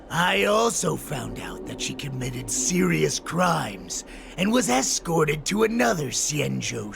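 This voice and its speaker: In dramatic video game voice acting, an actor plays a savage, wolfish raider who is bloodthirsty and fanatically devoted to his lord. His medium-pitched male voice is heavily gravelly and snarling, exaggerated and theatrical, moving slowly before swinging into shouts. Slight background noise is present.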